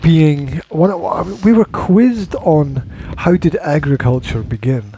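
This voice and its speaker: Gravelly, dark-toned man, halting chat. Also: a little high, animated. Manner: halting, repeats words, dry teasing. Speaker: podcast co-host. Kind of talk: casual chat. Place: home living room. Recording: muffled lo-fi home recording with faint noise.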